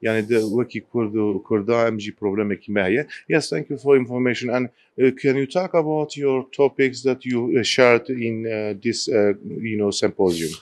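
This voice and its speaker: Halting male interviewer and interpreter, dry sound. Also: medium pitch, fairly even intonation, no room sound. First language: Kurdish. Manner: halting, hesitant, searching for words.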